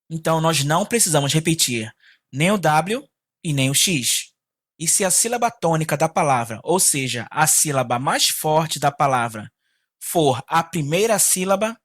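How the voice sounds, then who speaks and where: A teacher walks through a grammar lesson at an unhurried, careful pace. Each English example comes twice and slower, as if for dictation, and the voice rises slightly to flag each new rule. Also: medium pitch, fairly bright tone. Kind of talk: recorded online lesson.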